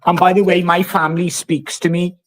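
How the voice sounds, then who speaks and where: A man from the Welsh Valleys with a strong local lilt and a fairly high voice. He talks like a live streamer mid-rant, sweary, boastful and confrontational. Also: level tone, brisk, no room sound. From South Wales Valleys. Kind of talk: ranting casual livestream talk.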